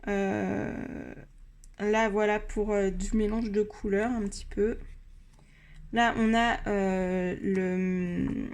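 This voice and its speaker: A French woman giving a casual review of colored pencils, pausing often with fillers and restarting her sentences. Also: mid-range voice, level tone, a little mellow. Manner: hesitant, many fillers and restarts. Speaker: art supply reviewer.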